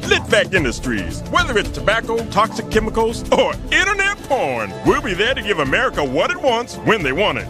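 A slick narrator and host of a parody reality show in a cartoon. His voice is high and swings dramatically over music. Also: wildly swooping pitch, brisk, few pauses. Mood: solemn narration.

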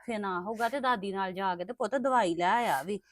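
A woman's voice: mid-range voice, a little fast, dry recording, close to an everyday voice. A woman playing a stepmother who soothes and pleads affectionately, in an amateur family drama. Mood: tender. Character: doting young stepmother, soft and caring.

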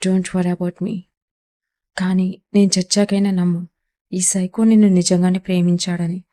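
A woman's voice: lowish voice, flat delivery, a little slow, mellow, natural voice. A woman voicing a wounded, obsessive young mafia don who speaks tenderly and pleadingly to the woman he loves.

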